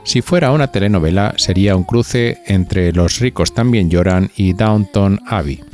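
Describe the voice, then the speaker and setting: A Spanish-accented man with a fairly low, darkish voice hosts a gossip podcast at a moderate pace. He narrates his script chattily and playfully, confiding in the listener. Music sits lightly in the background.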